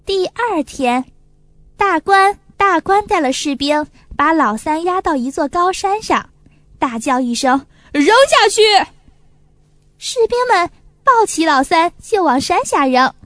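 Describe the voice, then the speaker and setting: A woman reading a children's folk tale aloud, expressive and animated. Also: very high-pitched, measured pace, no echo. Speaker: storyteller. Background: faint music.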